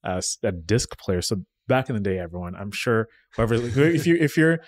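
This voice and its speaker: A man's voice: on the low side, sing-song, moderate pace, no room sound. A young man from Kenya, whose first language is Swahili, telling reflective stories as a podcast guest in casual conversation. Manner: reflective storytelling, frequent "right?" tags.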